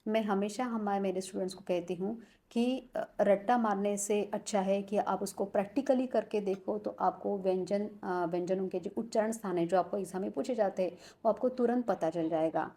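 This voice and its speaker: A woman teaching Sanskrit letters, sounding out each one slowly and deliberately. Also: mid-range voice, dark tone. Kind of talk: explaining a lesson.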